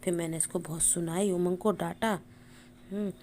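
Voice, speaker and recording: Woman, vlogger, casual chatty narration, filler hums, low-pitched, faint background noise. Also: steady tone, normal speed, dark tone. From India. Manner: chatty, repeats "हैं" and "hmm" as fillers. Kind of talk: casual family vlog narration.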